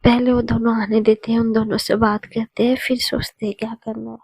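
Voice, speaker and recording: A tearful young daughter who sounds anxious and pleading, as a woman reads her lines. The voice is higher than most and quite level, with a mellow tone. The recording is dry and close. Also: flat delivery, brisk, husky, no room sound. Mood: upset.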